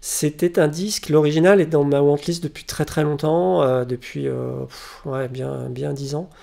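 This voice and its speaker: A man's voice: on the high side, fairly even intonation, normal speed, gravelly, warm tone. A man presenting his record finds in a casual vlog, hesitant and full of fillers and restarts, recorded on a webcam at home. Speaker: vinyl collector presenting records.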